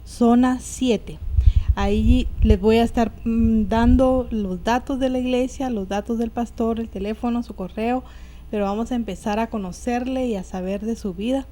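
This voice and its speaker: Mellow-voiced woman host. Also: on the high side, steady tone. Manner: reads contact details slowly and plainly, answers with short "amen"s. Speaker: television interview host.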